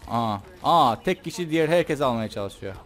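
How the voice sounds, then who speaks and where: A man talks his way through a video game in a relaxed, joking tone. His voice sits in a middle pitch, and he chats freely, teasing the characters on screen as he plays. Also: fairly quick, soft background music. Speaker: gameplay commentator. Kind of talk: casual let's-play commentary.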